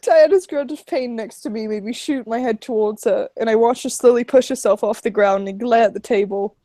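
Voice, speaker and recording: A woman's voice: on the high side, fairly quick, dark tone, dry recording, clean studio sound. A woman reading visual novel narration aloud in a dramatic storytelling style. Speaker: narrator in a group read-along.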